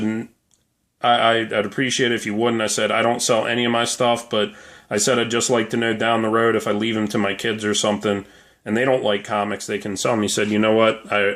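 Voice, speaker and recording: A man's voice: fairly low pitch, fairly bright tone. A hungover, slightly ornery man talking casually to viewers as a vlogger, telling stories in a conversational way. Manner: conversational storytelling, acting out quoted dialogue. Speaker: vlogger, comic collector. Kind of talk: casual monologue to camera showing comic haul.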